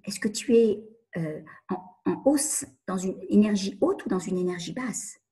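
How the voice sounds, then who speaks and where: Husky, dark-voiced woman coaching. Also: medium pitch, unhurried. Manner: earnest, repeats phrases, acts out inner questions. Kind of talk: webinar talk on emotions. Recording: online webinar.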